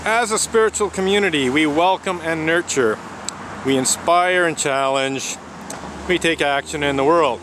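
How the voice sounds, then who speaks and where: A man's voice: on the high side, normal speed, noisy background. Indignant man on a city street. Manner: indignant, emphatic repeated lists, with profanity. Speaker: protester vlogging. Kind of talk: unscripted spoken commentary to camera.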